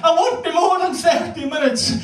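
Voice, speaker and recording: A shrill, high old Hebridean granny, bitter and theatrical, as a man puts her on. She has a Scottish island accent and shrieks her lines. The sound is echoey and far from the mic, as in a club room. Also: normal speed. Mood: dramatic.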